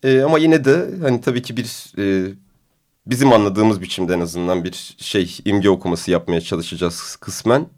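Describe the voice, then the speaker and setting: A man hosting a radio discussion program, with a deep, booming voice and a relaxed, hesitant delivery full of fillers. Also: moderate pace. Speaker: radio show host.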